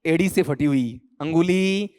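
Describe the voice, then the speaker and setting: एक पुरुष अंग्रेज़ी शिक्षक, राजस्थानी हिंदी लहजे में, परीक्षा की तैयारी का लेक्चर देता है और बार-बार छात्रों से सवाल पूछता है।. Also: male voice, measured pace, smooth, no room sound, clean studio sound. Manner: lively, keeps quizzing students with "bataao" and "theek hai"; rises and drops pitch a lot for emphasis. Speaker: English teacher for competitive exams. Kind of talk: exam coaching lecture in Hindi.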